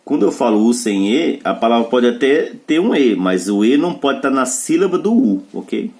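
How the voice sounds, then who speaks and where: A man's voice: mid-range voice, big pitch swings, moderate pace, a little mellow. A man teaching a pronunciation lesson. He explains the rules step by step and checks with short questions that students follow. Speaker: English teacher.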